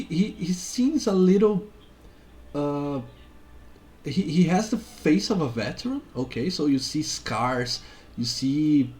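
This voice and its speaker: A man working as game master, improvising narration in a halting manner and often repeating words. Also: medium pitch, darkish tone, slight background noise.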